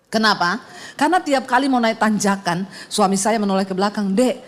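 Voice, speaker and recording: A woman's voice: mid-range voice, a little fast. A middle-aged woman pastor, telling a funny story in a sermon and acting out the sounds and voices in it. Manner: animated and humorous, acts out sounds and dialogue.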